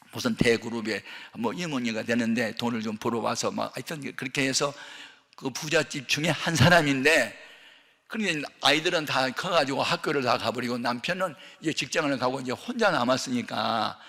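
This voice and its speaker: Gravelly older male pastor, echoing hall. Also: medium pitch. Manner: animated, acts out dialogue, shouts at peaks. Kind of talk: sermon with storytelling. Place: large church hall. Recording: long hall reverb.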